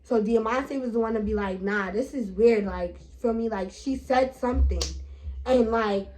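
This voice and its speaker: A woman's voice: on the high side, moderate pace, a little mellow, slight background noise, low-quality recording. A young woman, telling a trip story in slangy casual chat with many asides to viewers. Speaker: vlogger.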